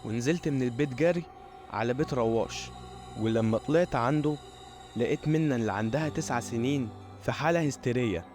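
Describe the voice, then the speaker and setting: Man, Egyptian Arabic accent, horror story narrator, steady first-person telling, mid-pitched voice, soft music underneath.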